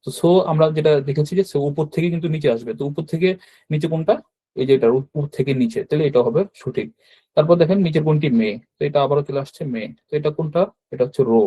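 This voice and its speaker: A man teaching a language class over a video call, explaining quiz answers with frequent fillers and quick self-corrections. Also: mid-range voice, mellow. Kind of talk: online class lesson.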